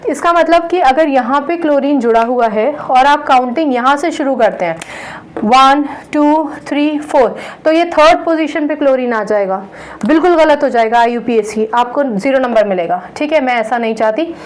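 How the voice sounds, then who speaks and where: A woman's voice: high-pitched, poor audio. A woman teaching a chemistry lesson, patiently walking students through naming compounds and often checking in as she goes. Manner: counts out carbons slowly. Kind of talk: online classroom lecture.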